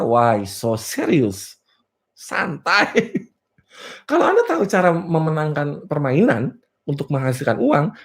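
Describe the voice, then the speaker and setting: Lively, joking male business coach. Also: high-pitched. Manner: playful, rhetorical, repeatedly checks "clear?" with the audience; laughs at own jokes. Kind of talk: motivational seminar talk. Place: live and virtual seminar.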